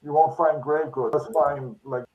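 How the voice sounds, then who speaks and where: Man, fairly high voice, halting casual talk, dull lo-fi recording. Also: fairly even intonation. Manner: halting, restarts mid-sentence. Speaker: guest in history chat. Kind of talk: casual conversation, anecdotes. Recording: dull lo-fi sound.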